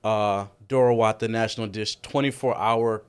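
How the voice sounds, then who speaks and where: Young man, restaurant owner guest, energetic, enthusiastic, mid-range voice. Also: on the low side, moderate pace, clear, resonant tone. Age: young adult. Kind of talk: casual interview chat.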